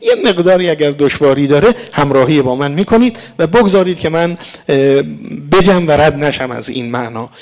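A man's voice: on the high side, animated, a little mellow. A man preaching a sermon in a teaching manner, speaking to his listeners as dear friends and reciting verse along the way. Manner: explanatory, addresses listeners as dear ones, recites verse and Arabic.

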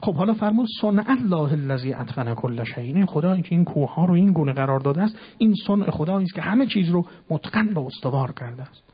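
A man's voice: fairly high pitch, expressive, husky. Man, religious lecture, chanted verse, dull lo-fi sound. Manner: chants verses slowly, then acts out quoted speakers loudly. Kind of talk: Quran and Masnavi lecture with recited verse.

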